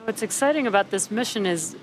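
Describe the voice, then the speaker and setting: Mid-pitched woman hosting live commentary. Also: lively intonation, brisk, rough recording. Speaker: webcast host. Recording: faint background noise.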